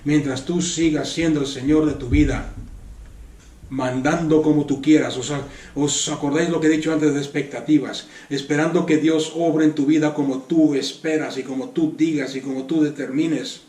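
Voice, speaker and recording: A man's voice: on the high side, steady tone, normal speed, dark tone, echoey room, far from the mic. A man from Spain preaching a sermon, earnest, repeating words for emphasis and asking rhetorical questions. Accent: Spanish from Spain. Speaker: pastor.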